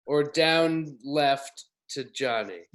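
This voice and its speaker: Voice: medium pitch, very slow. A performer on a live comedy video call, patiently explaining the screen layout and giggling along. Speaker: improv comedy host. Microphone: remote video call mic.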